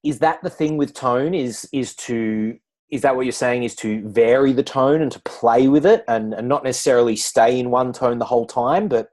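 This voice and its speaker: A man's voice: mid-range voice, normal speed, a little mellow. Man interviewer asking hesitant questions. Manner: hesitant, restarts questions, brief agreeing sounds.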